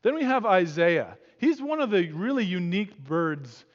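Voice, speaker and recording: A man pastor preaching a sermon, telling stories in an animated way, acting out quotes and adding joking asides. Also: high-pitched, normal speed, long reverb tail, lo-fi sound.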